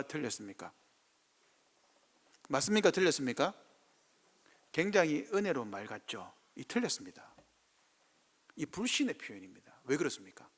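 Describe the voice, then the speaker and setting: A man's voice: a little high, sharp tone. A middle-aged male pastor with a Gyeongsang Korean accent preaching a sermon, acting out quoted speech in dialect.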